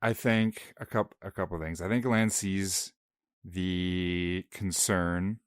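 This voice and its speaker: Very deep-voiced man, jokey co-host. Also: steady tone, takes it slowly, clean tone, no room sound, studio quality. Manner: jokey, firmly corrects his co-host. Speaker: podcast co-host. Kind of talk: casual book discussion podcast.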